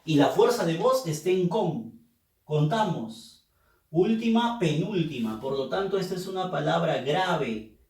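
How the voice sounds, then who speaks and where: A man's voice: fairly high pitch, animated, unhurried, darkish tone. A man teaching a lesson to young students, patiently drilling syllables and asking them to pronounce each word. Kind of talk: classroom lesson on accent rules. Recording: roomy echo, voice from a distance.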